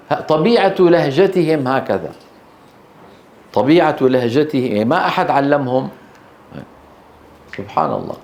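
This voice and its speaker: A man teaching Quran recitation in a classroom lecture, drawing out letter sounds slowly to demonstrate them and often checking that his students follow. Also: mid-range voice, darkish tone. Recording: echoey room.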